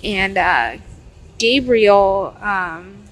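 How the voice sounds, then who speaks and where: A woman recounting a personal memory in a soft, halting way, pausing often with "um". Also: medium pitch, lively intonation. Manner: halting, soft-spoken, frequent "um" pauses. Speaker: mother recounting her son's birth. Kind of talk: personal storytelling.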